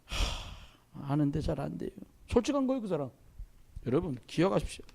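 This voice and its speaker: A man's voice: a little high, big pitch swings, brisk, creaky, darkish tone. A man preaching a sermon as the pastor at a Wednesday church service, urging and joking with the congregation.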